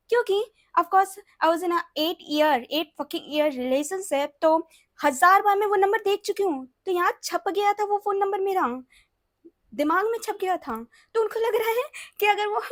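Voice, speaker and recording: A woman's voice: extremely high pitch, no echo, studio quality. A young woman in a casual storytime vlog who mixes English phrases into her Hindi, repeats words and keeps checking in with the listener. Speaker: storytime vlogger.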